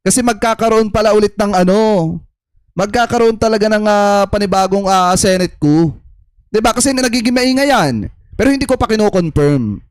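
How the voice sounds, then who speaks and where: Man, Filipino accent, vlogger commentary, high voice, chatty and repetitive, dry close recording. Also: animated, fairly quick, no echo. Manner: addresses audience as "mga kababayan", chatty, repetitive. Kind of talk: commentary addressed to viewers.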